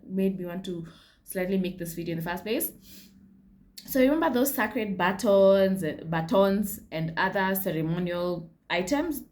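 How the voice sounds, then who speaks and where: Woman, Kenyan accent, low-pitched, casual vlog host, frank asides. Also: a little mellow. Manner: chatty, with frank asides and Swahili slips. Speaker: history channel host.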